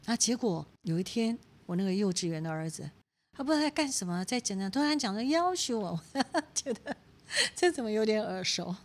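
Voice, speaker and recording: A woman's voice: mid-range voice, fairly quick. A woman in her forties with a Taiwanese Mandarin accent, a pastor's wife giving a teaching talk full of personal stories, acting out quotes and laughing often. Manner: animated storytelling, acts out quoted speech, laughs often.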